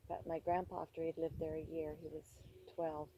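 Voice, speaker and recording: A sweet older woman, a grandmother, casually reminiscing about family in a halting way, on a noisy amateur recording. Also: sits low, level tone, warm tone.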